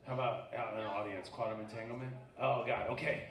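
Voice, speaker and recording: A man's voice: medium pitch, steady tone, fast, fairly bright tone. A man performing a live comedic magic act on stage, joking bawdily with audience volunteers. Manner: bawdy, joking crowd banter. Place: live music venue stage. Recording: roomy venue sound from far off. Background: audience laughter.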